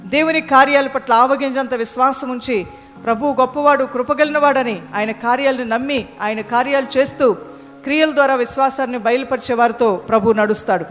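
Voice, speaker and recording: A woman's voice: sits high, fairly quick. A woman preacher giving a sermon, telling stories and asking rhetorical questions. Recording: long hall reverb, faint music.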